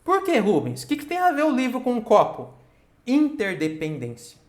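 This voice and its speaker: A man's voice: very high-pitched, wildly swooping pitch, normal speed. A man giving a lecture, asking himself questions aloud and often checking in with his listeners. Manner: asks himself questions aloud and answers them. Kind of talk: recorded online lecture. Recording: roomy echo.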